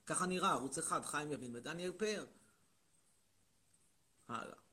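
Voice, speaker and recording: A live-stream host taking callers and questions delivers a provocative monologue, needling his caller and ranting in mocking, repetitive bursts that keep rising. His voice is fairly high, pushed and bright, with lively intonation.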